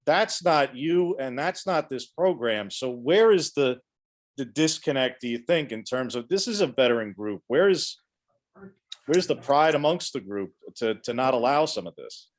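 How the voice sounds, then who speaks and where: Male reporter, mid pitch, pointed probing questions. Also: expressive, moderate pace. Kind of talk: press conference question.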